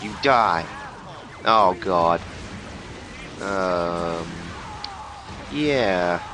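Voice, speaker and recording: A young man giving goofy let's play commentary in a low, unhurried voice. He breaks into sudden loud exclamations as he plays. The game's music plays loudly under his microphone. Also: lively intonation. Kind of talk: gameplay commentary.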